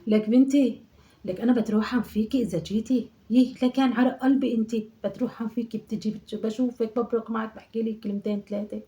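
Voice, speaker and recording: Woman doing a self-pitying aleppo mom in her 60s, rattles on quick, scolds then mutters prayers, aleppo syrian arabic accent. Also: on the high side, fairly even intonation, mellow, highs cut off, natural voice. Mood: fussing. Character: chatty older Aleppo mother, nagging and self-pitying. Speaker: sketch performer. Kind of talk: comic monologue sketch.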